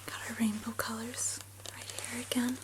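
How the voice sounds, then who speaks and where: A woman in a whispered role-play of a spa pampering session, speaking softly and soothingly, with gentle personal attention to the listener. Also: on the high side, flat delivery, moderate pace, noisy background. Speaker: ASMR host.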